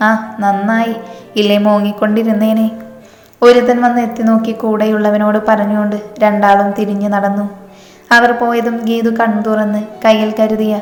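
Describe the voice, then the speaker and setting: A woman narrating a dramatic story in an even, measured reading voice. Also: mid-range voice. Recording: echoey reverb with background music.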